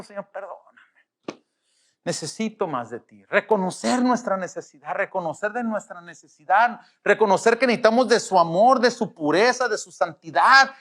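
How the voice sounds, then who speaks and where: High-voiced pastor preaching. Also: male voice, fairly bright tone. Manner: emphatic, asks the audience rhetorical questions. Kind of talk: sermon preaching to a congregation.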